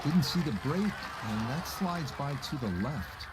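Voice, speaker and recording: A man giving play-by-play golf commentary as lead announcer, in measured, folksy broadcast phrasing. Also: on the high side, lively intonation, a loud crowd, very noisy.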